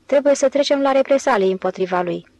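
Lady doing a smug petty clerk guy, self-important, highish, dry audiobook read. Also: expressive, a little mellow, no room sound. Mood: scheming.

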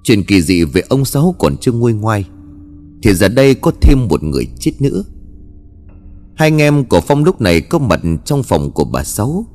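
A man giving dramatic, expressive narration of a scripted horror story. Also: fairly low pitch, moderate pace, soft background music.

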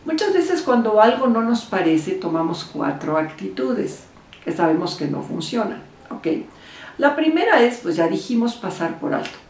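A woman gives relationship advice as a therapist. She talks in an animated way and acts out the voices she quotes. She sounds set back from the microphone in a room with a noticeable echo. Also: fairly high pitch, moderate pace, slight background noise. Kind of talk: advice talk to camera. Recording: roomy echo, speaker far from mic.

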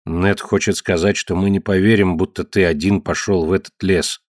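Guy reading a skinny beaten-down cave man, flat dead voice, low and quiet, audiobook. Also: normal speed, no echo, studio quality, natural voice. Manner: flat, lifeless. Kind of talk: audiobook character voice.

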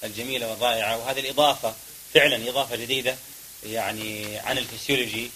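A man's voice: mid-range voice, steady tone, quick pace, sharp tone, slight background noise, low-quality recording. A man politely thanking a speaker after a talk, in a formal manner.

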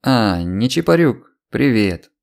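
Reader doing a stern, drily mocking young detective, gravelly, steady. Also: male voice, medium pitch, slow, full character voice. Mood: dry stern. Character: dry sardonic young male police detective.

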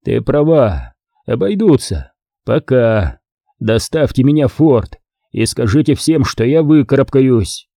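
A man's voice: medium pitch, big pitch swings, measured pace, gravelly, warm tone, no echo. A man voicing a wounded male soldier who speaks with stoic, dry understatement in an audiobook. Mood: wry, stoic.

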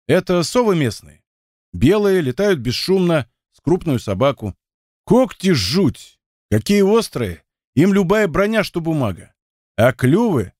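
A man's voice: a little high, big pitch swings, a little mellow, dry recording, clean studio sound, pitched above the performer's own voice. Man reading as Mordey, a boastful young dancer. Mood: indignant. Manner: boastful, quick to take offence. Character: boastful young male dancer, tall-tale teller.

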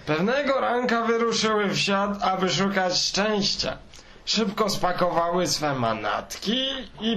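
A man's voice: fairly high pitch, a bit bright. A man narrating a comic fairy tale as a rambling, forgetful grandfather, heard from an old worn tape recording of poor quality. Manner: slow, rambling, forgetful, hesitant. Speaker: storyteller grandfather.

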